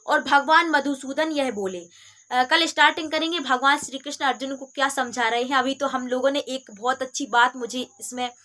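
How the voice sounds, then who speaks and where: High, bright-voiced woman teaching scripture. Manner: explains verses simply, with homely examples and a small moral story; often restates with "matlab". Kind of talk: devotional scripture lesson.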